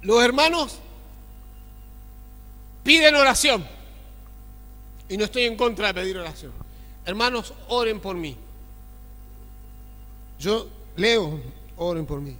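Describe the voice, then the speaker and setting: Male pastor mid-sermon, high and bright voice, reverberant church hall, asks the flock questions. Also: lively intonation, takes it slowly, pauses often. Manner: swings between loud exclaiming and low murmured asides, asks the congregation often. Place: church sanctuary.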